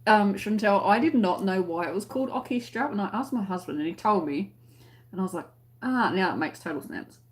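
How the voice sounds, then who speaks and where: A woman's voice: medium pitch, expressive, brisk. A woman with an Australian accent chatting casually to live-stream viewers in a rambling, conversational way, often trailing off mid-thought. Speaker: crochet tutorial live-stream host.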